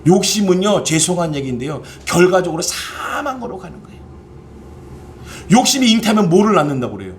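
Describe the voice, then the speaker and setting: A man, a pastor preaching a sermon, who fires rhetorical questions at his congregation and bursts into loud exclamations. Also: high voice, big pitch swings, brisk, slight background noise.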